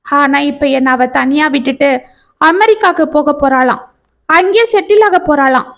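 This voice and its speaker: A woman's voice: high-pitched, normal speed, close to an everyday voice. A woman voicing a distressed middle-aged single mother, tearful and pleading. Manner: tearful, pleading, rising and raw.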